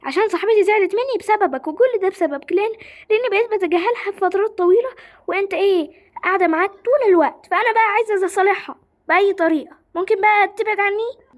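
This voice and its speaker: A woman's voice: very high-pitched, very fast, voice pushed up. A young woman with an Egyptian accent voicing an emotional, apologetic teenage girl in a doll-game drama. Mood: annoyed.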